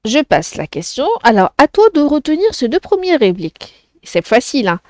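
A woman's voice: sits high, big pitch swings, moderate pace, darkish tone, no echo. A woman teaching a French lesson to children, explaining patiently and often checking "d'accord?".

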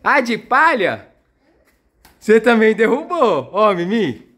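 A woman's voice: a little high, very animated, slow pace, fairly bright tone, slight background noise. A woman with a Brazilian Portuguese accent giving playful, exclamatory commentary as she films her children at play, teasing them and cheering them on.

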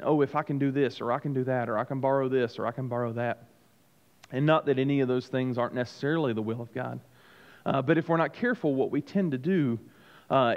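A man's voice: mid-range voice, a little mellow. Man teaching Bible study, lo-fi echo. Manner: conversational, many "uh" and "you know" fillers. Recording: lo-fi with long reverb.

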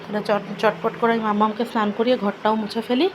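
A woman with a hoarse voice from a cold, chatting casually to viewers in a home vlog from her kitchen. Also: fairly high pitch, flat delivery, fast talker. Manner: chatty, addresses viewers directly. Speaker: vlogger. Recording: noisy home recording.

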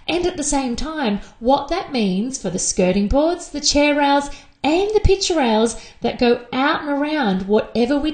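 A woman's voice: a little high, a little mellow. A woman narrating a renovation show as its host in scripted voice-over. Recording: echoey sound, faint music. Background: faint music.

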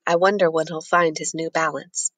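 A woman narrating a first-person novel as an audiobook in a steady, measured reading. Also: sits low, no echo.

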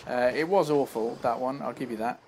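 A man chatting casually while playing a video game live, breaking into quick exclamations as he reacts. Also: medium pitch, gravelly, a little mellow, a little hiss or hum. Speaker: streamer. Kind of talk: live gameplay commentary. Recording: game music playing behind.

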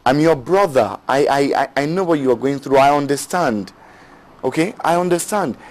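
A man's voice: a little high, expressive, moderate pace. An actor with a Nigerian accent playing a caring male friend who stammers and talks in an earnest, preachy way. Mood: tender. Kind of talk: film drama acting.

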